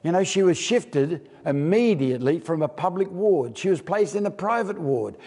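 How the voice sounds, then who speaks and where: An Australian man preaching a storytelling sermon, acting out the characters' lines and slowing down for emphasis. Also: high voice, animated, darkish tone. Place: church hall. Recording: long church hall reverb.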